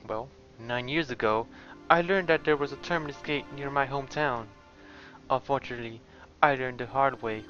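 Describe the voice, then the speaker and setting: Male streamer reading a low-key wary wanderer, soft and even, muffled mic, faint music. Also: moderate pace, close to an everyday voice. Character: guarded wandering adventurer, calm and wary. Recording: slightly muffled lo-fi sound.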